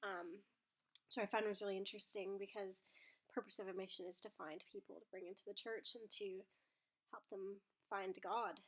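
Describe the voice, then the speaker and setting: A woman's voice: medium pitch, steady tone, fairly quick. A woman in her twenties, unwell and out of breath, talking candidly in a casual vlog with frequent hesitations. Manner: candid, hesitant with many ums. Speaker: vlogger.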